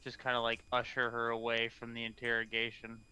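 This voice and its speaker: A man's voice: medium pitch, monotone, a little fast, pushed and bright, clean tone. A man playing in a tabletop game, describing his actions hesitantly with many fillers. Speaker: player.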